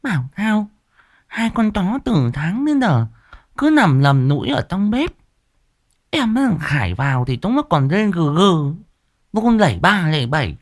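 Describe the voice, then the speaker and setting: A man voicing a sharp-tongued village wife in a high, nagging, mocking voice. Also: very animated, measured pace. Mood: scolding, doubtful.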